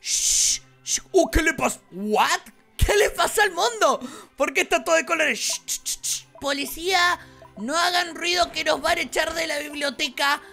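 A young man with an Argentine accent giving excitable, exclamatory gameplay commentary, often shouting at the game. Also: very high voice, normal speed, vocal fry, soft background music. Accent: Rioplatense Argentine Spanish. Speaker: gaming YouTuber.

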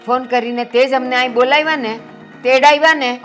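This is an older village mother who speaks. Her high voice turns scolding and aggrieved, and her complaints climb into shouting. She sounds like a film drama character. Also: steady tone, a little fast, soft background music. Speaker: mother-in-law.

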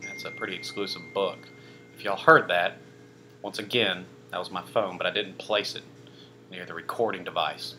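A man's voice: deep voice, fairly even intonation, moderate pace, bright, forceful tone, slight background noise. A young man casually reviewing a pizza on camera, rambling with lots of fillers and dry self-mocking asides. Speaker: food reviewer. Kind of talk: casual food review vlog.

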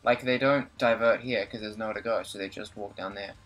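A man's voice: fairly low pitch, fairly even intonation, fairly quick, a bit bright, soft background music. A man hosting a gaming video, chatting casually and explaining his strategy while he plays. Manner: laid-back, explains strategy. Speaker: gaming channel host. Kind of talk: casual gameplay chat.

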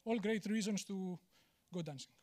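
Delivering a conference talk from a large auditorium stage, a man from Greece speaks through a handheld mic at a moderate pace. His voice is high with a darkish tone, and he's candid and self-mocking, often filling pauses and restarting.

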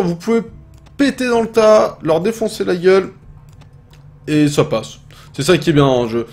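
A young man with a French accent talks his viewers through a game in a casual way. His voice sits a little high and jumps around a lot, and he swears freely as he comments on the play. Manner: excitable, swears often, shouts and laughs at the game. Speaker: gaming video host.

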